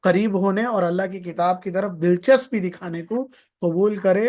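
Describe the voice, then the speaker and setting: A man with a high, slightly mellow voice leads a live online Quran recitation class. He goes over points patiently and repeatedly, draws out vowels as demonstrations, and adds pious blessings along the way.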